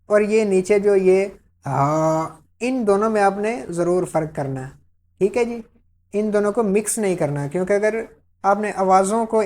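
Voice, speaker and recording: Patient woman teaching letter sounds. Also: mid-range voice. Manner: patient, repeats each letter slowly and loudly for the learner to copy; checks in with "ٹھیک ہے؟". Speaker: Quran reading teacher. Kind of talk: step-by-step pronunciation lesson.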